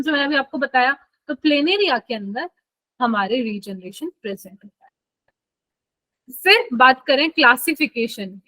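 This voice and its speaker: High-voiced woman teaching a chatty class. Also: fairly bright tone, no room sound, rough recording. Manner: chatty, checks in with students often. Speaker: biology teacher. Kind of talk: live online class lecture.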